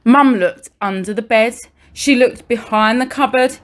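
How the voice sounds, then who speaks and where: Here a woman with a fairly high-pitched voice reads a children's story aloud in a primary-teacher style. She is expressive, pausing on purpose and stressing words for her young audience.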